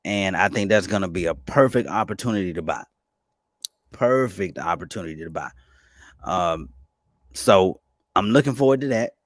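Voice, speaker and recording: A man giving casual, fast-talking commentary on stocks and crypto, excitable and stumbling over restarts. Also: low-pitched, no room sound, studio quality. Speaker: finance YouTuber.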